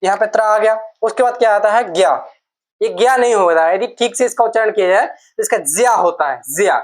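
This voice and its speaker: Male teacher, classroom lecture; dictates slowly, repeats phrases, answers his own questions. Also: high voice. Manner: dictates slowly, repeating words for students to note down; asks questions and answers them himself.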